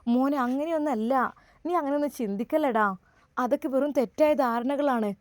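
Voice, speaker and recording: A bossy older mother, insistent and scolding, her voice raised high and sharp, as a woman storyteller puts her on. Malabar Malayalam speech, recorded dry and close. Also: fairly quick, dry recording, natural voice.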